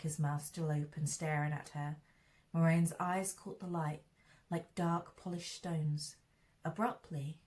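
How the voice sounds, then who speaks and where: A woman reading a fantasy novel aloud in a steady, measured fan read-along narration. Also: low voice. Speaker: audiobook reader.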